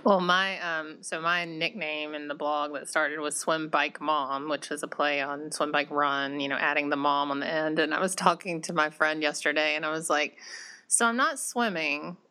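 A woman's voice: low voice, fairly even intonation, moderate pace, sharp tone, clear, resonant tone. A woman hosting a podcast, chatting casually with her guest in a talkative way. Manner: chatty, laughs easily. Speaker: podcast host. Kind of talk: casual interview conversation.

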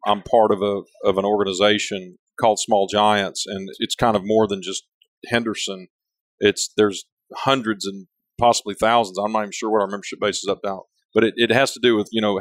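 This interview guest, a company leader, has a voice on the low side and a larger-than-life manner. Talking candidly and casually, he rambles, often breaking off to begin sentences again. The recording is dry.

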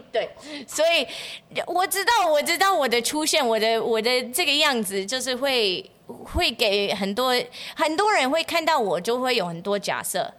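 Woman telling lively stories, high voice. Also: normal speed. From United States. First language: English. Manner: laughs often, acts out the voices of people in her stories. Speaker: podcast guest. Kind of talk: animated storytelling.

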